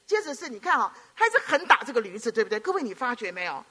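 A middle-aged woman from Hong Kong, preaching a sermon with animated storytelling and frequent rhetorical questions. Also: fairly high pitch, racing, breathy edge.

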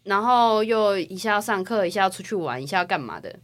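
A young woman from Taiwan, co-hosting a casual podcast chat and telling personal stories in a chatty, animated way. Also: medium pitch, fast talker. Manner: chatty, animated storytelling with rising excitement. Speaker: podcast co-host.

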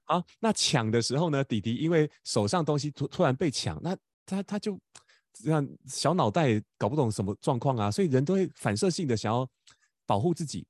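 A man's voice: mid-range voice, lively intonation, a little fast, a little mellow, dry recording, studio quality. A man, hosting a podcast and telling a personal story in casual chat, often restarting words and laughing as he talks. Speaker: podcast host.

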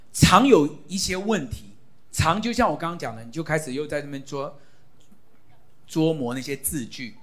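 A middle-aged male pastor preaching in an animated, exhorting way, his fairly high voice leaping up and down. He drives his key phrases home by repeating them loudly to the congregation. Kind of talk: sermon teaching on prayer.

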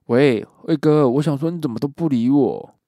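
A man's voice: medium pitch, moderate pace, mellow, no room sound, clean studio sound, voice pushed up, close to an everyday voice. A man voicing a terrified young man who stammers in panic on a phone call. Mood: confused.

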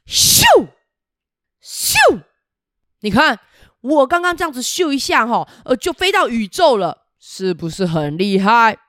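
A woman voicing a boastful, show-off male fire-breathing dragon in a children's storybook reading, loud and bragging with whooshing sounds. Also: fairly high pitch, expressive, moderate pace, dry recording, clean studio sound.

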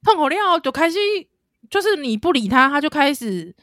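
Casting note: Taiwanese-accented woman in her thirties, podcast co-host, very lively pitch and dry close sound. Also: a little fast, no room sound. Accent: Taiwanese Mandarin. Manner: animated storyteller, laughs a lot, acts out a crying child. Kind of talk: casual chat.

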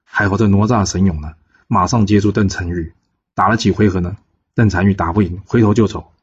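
A man with a Taiwanese Mandarin accent narrates a classic tale casually and relaxedly, often pausing on drawn-out filler particles. His voice sits low and is slightly rough, heard on a dull lo-fi podcast recording.

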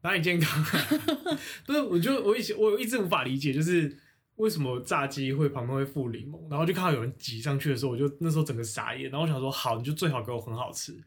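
A man co-hosting a casual podcast, retelling scenes in an animated storytelling way. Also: fairly high pitch, fast. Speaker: podcast co-host.

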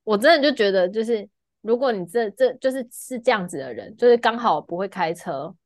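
Podcast co-host, a woman with a Taiwanese accent; animated, wide-ranging voice, dry close sound. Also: mid-range voice, brisk, no echo. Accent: Taiwanese Mandarin. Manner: animated storytelling, loudly acting out shouting passengers. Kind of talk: casual chat.

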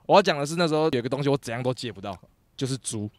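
A young man, telling work stories on a casual podcast, often laughing. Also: rapid-fire. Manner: expressive, laughing storyteller with big pitch swings. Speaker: podcast co-host. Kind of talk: casual chat, storytelling.

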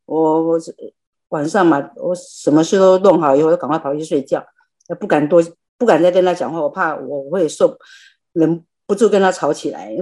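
A woman tells a personal story in a chatty, self-deprecating way. Her voice is fairly low and mellow. She speaks over a video call. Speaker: lay practitioner sharing. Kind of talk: personal testimony in a group class.

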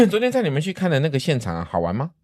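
A woman's voice: low voice, huge pitch swings, fast, a little mellow, dry recording, studio quality. A woman hosting a casual talk show with children, playfully teasing and quizzing them. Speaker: podcast host.

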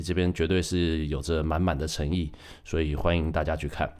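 A low-pitched man with a Taiwanese Mandarin accent talks through his podcast in a relaxed solo chat. He keeps it light with joking asides and corrects himself as he goes. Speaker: podcast host. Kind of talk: casual solo podcast talk.

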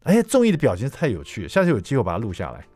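A man with a Taiwanese Mandarin accent, a cookbook author telling family stories as a radio guest, animated and acting out quotes. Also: medium pitch, racing, husky, no echo. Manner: animated storyteller, acts out quotes. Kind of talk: anecdotal radio interview talk.

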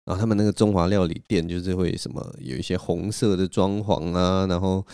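Mellow low-voiced man rambling casually. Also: steady tone, a little fast, clear, resonant tone, dry recording, clean studio sound. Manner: rambling, self-mocking, chuckles often. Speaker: podcast host. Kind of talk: casual solo storytelling.

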